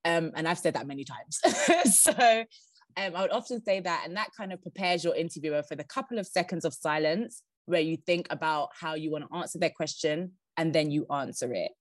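Fast-talking woman giving advice. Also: low voice, no echo. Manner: fast-talking, laughs often. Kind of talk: podcast interview advice.

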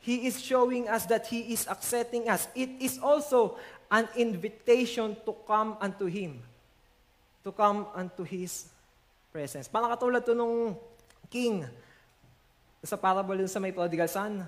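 A man with a Filipino accent, his voice high-pitched, preaches to a congregation. He slows down to emphasize verses and moves back and forth between Tagalog and English.

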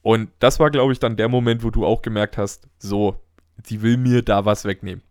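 Chatty low-voiced man, dry sound. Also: fairly even intonation, normal speed, smooth, dry recording. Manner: rambling, chatty, jokes. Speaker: podcast host. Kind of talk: casual chat.

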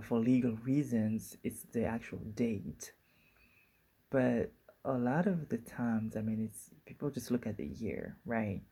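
A woman's voice: rumbling low, vocal fry, dark tone, breathy edge. A woman in her forties hosting a solo podcast in a casual, musing way, often circling back and restarting her thoughts. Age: 40s. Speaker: podcast host.

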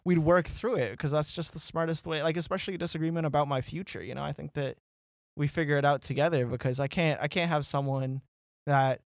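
A man's voice: a little high, a little fast, no echo, clean studio sound. Podcast co-host, male, light voice, playful, riffs with fillers. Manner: animated, teasing, rambling with fillers. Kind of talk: casual sports chat.

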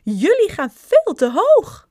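A woman's voice: on the low side, sing-song, slow, a little mellow, slightly rough, exaggerated voice. A woman reading aloud and voicing a panicky little wife who has been turned tiny and winged, squealing and sobbing her lines. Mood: shrill alarm. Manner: squealing, sobbing and crying out in alarm.

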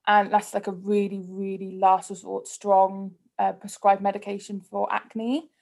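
A woman's voice: medium pitch, little pitch movement, a little slow, creaky, darkish tone. A woman from Cardiff with a Cardiff Welsh accent, chatting casually and candidly as a podcast guest, often dropping in "like". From Cardiff, Wales. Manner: candid, conversational, heavy use of "like". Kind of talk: casual personal interview chat.

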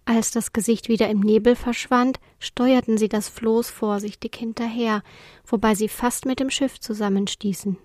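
A woman narrating a children's storybook chapter in a clear, even reading voice. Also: on the high side, moderate pace, dry recording, studio quality. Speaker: audiobook reader.

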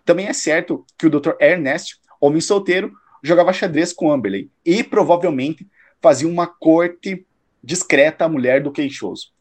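A man with a slightly high voice gives a lightly acted turn as a shrewd, self-assured radio-drama detective. Patronizing and analytical in mood, he probes with measured, slightly condescending delivery.

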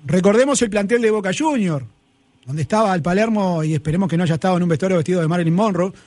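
Un hombre con acento argentino, comentarista deportivo en un debate acalorado; habla con énfasis, discute y repite sus argumentos. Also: male voice, sits high, fast talker, darkish tone, dry recording. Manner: emphatic, argumentative, repeats his points. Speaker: sports pundit. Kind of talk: heated sports talk debate. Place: broadcast studio.

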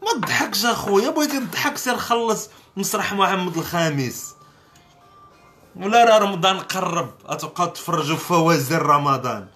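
A man's voice: high-pitched, very animated, fairly quick, bright, forceful tone, faint music behind. A man with a Moroccan Arabic accent hosting a podcast, ranting in a sarcastic, mocking comedic way. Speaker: podcast host. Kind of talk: comedic rant commentary.

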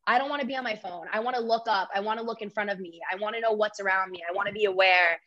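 A woman's voice: medium pitch, racing. A woman in her thirties, a podcast guest and author, telling stories in casual chat and saying "like" a lot. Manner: animated storytelling, heavy use of "like". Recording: slightly dull, lo-fi sound.

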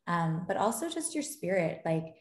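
A woman's voice: lowish voice, normal speed. A woman guest on a podcast talking casually and animatedly about dating and gaming, laughing as she goes. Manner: animated storyteller, gets excited and laughs. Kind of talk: casual interview chat. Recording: echoey room.

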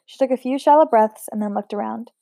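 A woman reads a novel aloud in a mellow, fairly high voice, steady and unpolished, now and then stumbling and restarting a word. The recording is dry and close, with no room sound. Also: fast, vocal fry, no room sound. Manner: steady, unpolished reading with occasional slips and restarts. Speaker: audiobook reader.

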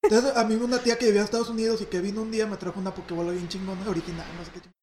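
A young man with a Mexican accent, excitedly telling a childhood story to friends, with plenty of slang and swearing. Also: sits high, racing, reverberant. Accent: Mexican Spanish. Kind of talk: casual storytelling among friends.

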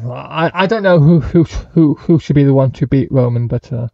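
A man's voice: medium pitch, normal speed, gravelly, dry recording, muffled recording. A male guest co-host giving rambling opinions on wrestling storylines, with frequent hesitations. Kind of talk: casual wrestling review podcast.

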